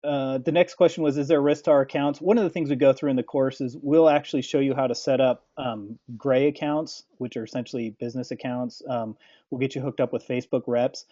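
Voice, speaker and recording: A man hosts a webinar question session in a relaxed, halting way, filling gaps with ums. His pitch is ordinary. The call audio is dry and muffled. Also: no room sound. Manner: relaxed, filler-heavy, hesitant. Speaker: webinar host. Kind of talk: casual webinar Q&A. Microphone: computer mic over an online call.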